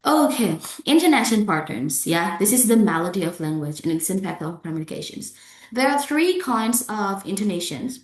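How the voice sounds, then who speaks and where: A woman's voice: medium pitch, very animated, normal speed. A woman with an Indonesian accent giving a pronunciation lecture, often checking in with "okay" and "yeah" and making small grammar slips. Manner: non-native grammar slips. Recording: roomy echo.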